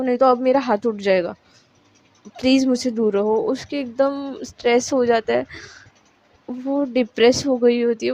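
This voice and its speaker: A woman's voice: on the high side, a little mellow, no room sound, highs cut off. Woman casually narrating a story. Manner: conversational, with fillers and restarts.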